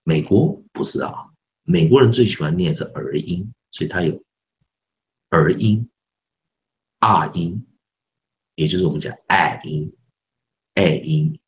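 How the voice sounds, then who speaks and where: A man's voice: sits low, animated, a little slow, long pauses, highs cut off. A man teaching English pronunciation in a recorded online lesson with a Taiwanese Mandarin accent, patiently repeating sounds over and over to demonstrate them.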